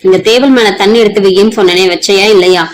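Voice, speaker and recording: A woman voicing an older, domineering mother-in-law who nags and scorns her daughter-in-law in a fast-told storybook retelling. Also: medium pitch, lightly acted, rough recording. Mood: scolding. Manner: nagging, scornful.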